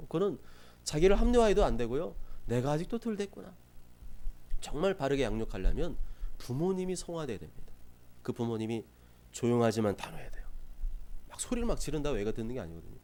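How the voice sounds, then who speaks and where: Lively, mellow-voiced Korean pastor preaching. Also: male voice, mid-range voice. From South Korea. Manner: lively preaching, acts out scolding parents in quick asides. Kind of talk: sermon. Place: church sanctuary.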